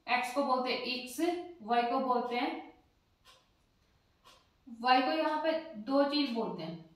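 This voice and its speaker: A high-voiced woman gives a slow, patient lesson, sounding out each letter and checking that her learners follow along. She is heard from a distance in a strongly echoing room. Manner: patient, spells letters one by one, often says "theek hai". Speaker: language teacher. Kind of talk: slow step-by-step alphabet lesson. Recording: very echoey room, distant mic.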